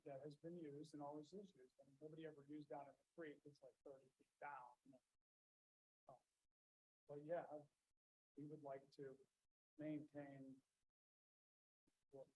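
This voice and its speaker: A man testifying as a property owner at a public hearing, plain-spoken and halting, often repeating his words. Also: fairly high pitch, background noise.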